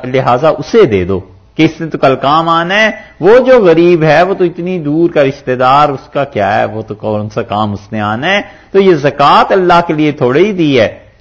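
A male preacher giving a sermon, quoting scripture verses and explaining them with rhetorical questions. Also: fairly high pitch. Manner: lively, rhetorical, quotes Arabic verses then explains. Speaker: mufti preacher. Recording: dull lo-fi recording.

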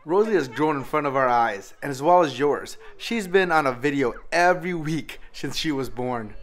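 A man's voice: on the high side, lively intonation, moderate pace. A man hosting a family travel vlog, talking in an upbeat, chatty way outdoors to a handheld camera. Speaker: vlog host. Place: outdoors at a farm.

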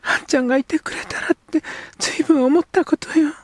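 A man doing a young edo girl, breathy and earnest. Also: very high-pitched, steady tone, normal speed, no room sound, voice pushed up. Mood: pleading, earnest. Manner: pleading, breathy half-whispers. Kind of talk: audiobook character voice.

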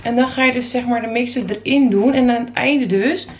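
A chatty young woman vlogging from her kitchen, talking straight to her viewers as she stirs and mixes. Her voice sits a little high, and the room rings back with echo over a faint hum of noise. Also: brisk. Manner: chatty, animated, addresses viewers as guys. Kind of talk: casual cooking vlog chat. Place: home kitchen.

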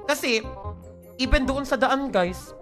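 Speaking slowly in a high voice over music, a young woman chats casually on her game stream. She's tired and has a headache, but she greets viewers by name, breaking into sudden shrieks.

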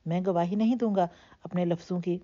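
A calm, confident young husband with a teasing, cutting edge, voiced by a woman reading the story. The tone sits low and mellow. The sound is dull and lo-fi. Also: natural voice. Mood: cold calm. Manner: calm, assured, mocking. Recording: dull lo-fi audio.

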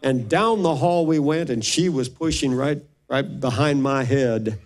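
An older male pastor delivering a sermon testimony at a middle pitch. He tells his story with animation and slips into the voices of the people he quotes. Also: measured pace, darkish tone.

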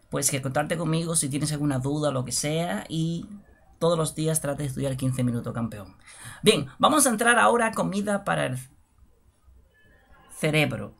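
A man teaching an English lesson in a motivational way, often repeating phrases, calling the listener "champ" and slowing down to model pronunciation. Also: a little high, creaky, slightly rough.

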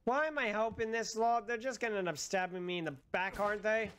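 A man's voice: sits high, fairly even intonation, fast, a bit bright, slight background noise. A young man giving casual, sarcastic, sweary commentary as he plays a game. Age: young adult. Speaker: gaming streamer. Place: small bedroom-like room indoors.

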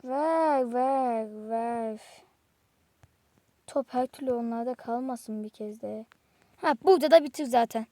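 A woman's voice: on the high side, measured pace, pauses often, dark tone, dry recording. A woman giving exasperated live commentary while playing a football video game, muttering to herself and snapping at the game. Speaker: gamer.

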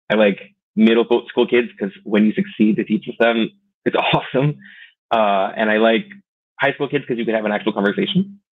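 Over a tinny, phone-like video call, a chatty, playful American man in his thirties, a teacher and clown, is interviewed casually as a guest and fires off quick asides. He has a lowish voice and speaks into a webcam from a small indoor room.

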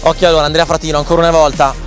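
Breathless high-pitched man commentating football. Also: level tone, very fast. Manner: breathless, dramatic, exclamatory. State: voice straining. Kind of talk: excited football commentary with drawn-out goal calls. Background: loud hip hop music.

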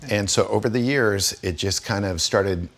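Garage owner, man, forties, low voice, easygoing and eager, casual interview in a workshop. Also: normal speed. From Guatemala. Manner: enthusiastic, friendly, lots of fillers. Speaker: garage owner, vintage bus restorer. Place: large indoor garage full of old buses.

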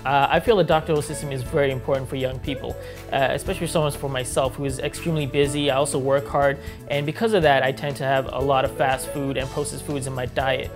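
Young male customer testimonial, quick and flat delivery, music underneath. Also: medium pitch. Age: young adult. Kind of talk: unscripted testimonial. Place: living room indoors. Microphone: lapel.

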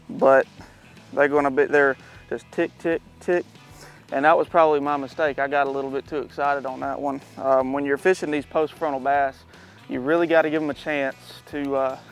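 A man in his thirties, hosting a fishing show, talks casually while fishing from a boat on a pond, easygoing and now and then excited. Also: a little high. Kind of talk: casual on-the-water fishing instruction.

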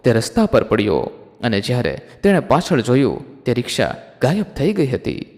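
A man hosting a storytelling channel, reading out viewers' comments and narrating a horror story in a dramatic, expressive way. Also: medium pitch, normal speed. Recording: long hall reverb.

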